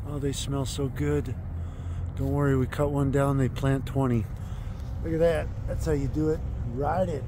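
A man in his thirties vlogs enthusiastically outdoors at a tree farm, holding his phone at arm's length, with background noise in the clip. His medium-pitched voice keeps a steady tone at a moderate pace. He's chatty and exclaims often in this casual vlog narration.

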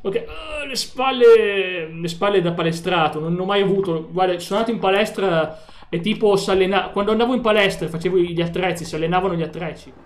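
A man's voice: high-pitched, fairly quick, echoey room. A man streaming a video game, joking playfully with his chat and friends. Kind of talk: live gameplay stream chat.

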